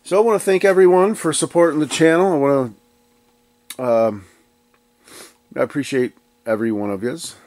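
In his electronics workshop, a man hosts an arcade board repair vlog, talking casually while congested from allergies and rambling and restarting his sentences. His voice is on the high side and a little mellow, at normal speed with frequent pauses. The recording is dry.

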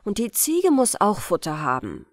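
A woman voicing a harsh, scolding mother in a bedtime fairy tale, loud and brusque. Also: medium pitch, wildly swooping pitch, normal speed, no room sound, clean studio sound.

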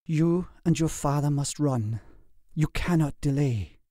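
A narrator gives a grave medieval lord a low, mellow, solemn voice. The lines come slow and pleading, recorded close and dry. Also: male voice, dry recording, close to an everyday voice. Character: grave, loving medieval lord parting forever.

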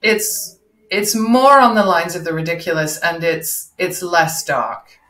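A woman who works as a voice and performance coach, talking as a guest in an interview in a measured, explanatory way. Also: on the low side, animated, a bit bright. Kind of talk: casual interview.

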